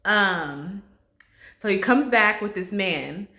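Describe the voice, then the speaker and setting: Lively laughing woman telling a story. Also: mid-range voice, slow, echoey room. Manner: animated, laughing often, acting out her own panic. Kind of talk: casual storytime.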